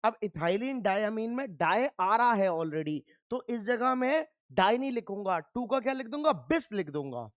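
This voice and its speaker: A man's voice: sits high, sing-song, normal speed, few pauses, dry recording. Dry, drilling male chemistry teacher. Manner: quizzes the viewer with repeated questions and answers them himself; firm, scolding reminders to pay attention. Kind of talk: classroom lecture.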